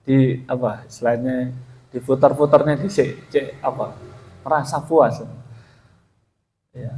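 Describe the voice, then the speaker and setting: A man's voice: mid-range voice, a little mellow. A male preacher with a Javanese accent, giving a folksy, conversational sermon and often addressing his listeners directly. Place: mosque. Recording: echoey hall reverb.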